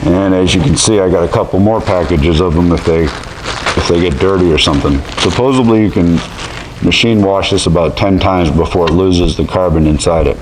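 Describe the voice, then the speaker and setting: A man's voice: low-pitched, darkish tone, a little hiss or hum, poor audio. A middle-aged man speaking through a face mask, chatting in a folksy, plain-spoken way as he reviews gear in his workshop. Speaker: host of a welding channel. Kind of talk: casual product review.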